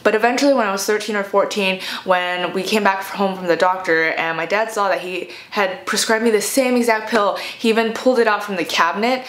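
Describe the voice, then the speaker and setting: A woman's voice: medium pitch, a little fast, few pauses, fairly bright tone. A young adult American woman telling a personal story in a casual, candid, conversational way. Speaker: vlogger. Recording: echoey room.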